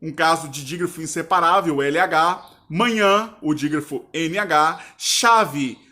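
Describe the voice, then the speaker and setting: A male teacher with a voice pitched a little high. He teaches a grammar lesson didactically, often pausing to ask if the viewer is following. He draws words out slowly when he breaks them into syllables. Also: pushed and bright.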